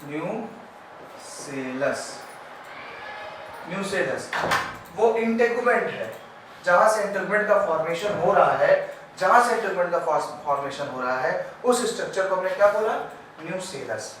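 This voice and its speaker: A man teaches a lesson, loud while explaining and quiet while he draws, and keeps checking that it is clear. His voice sits a little high. He is recorded from a distance in a very echoey room with faint hiss behind. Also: animated, normal speed. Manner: explains step by step, asks "clear?" often. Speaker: biology teacher. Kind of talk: classroom lesson at a board.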